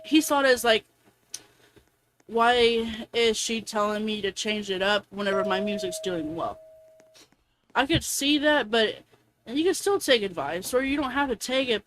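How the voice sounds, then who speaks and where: A woman's voice: mid-range voice, fairly bright tone, a little hiss or hum, low-quality recording. A young woman streamer in casual chat, venting animatedly and quoting people in a raised voice. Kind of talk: casual chat while gaming.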